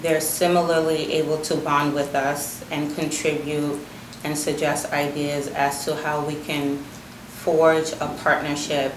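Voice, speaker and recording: Low, even-voiced woman in an echoey room. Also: background noise. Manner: measured, with frequent fillers. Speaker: community outreach liaison. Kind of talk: interview answers.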